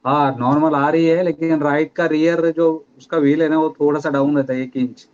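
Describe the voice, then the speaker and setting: Male technician, halting and monotone, muffled dry line. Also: on the high side. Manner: hesitant, explaining step by step. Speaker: technician asking a question.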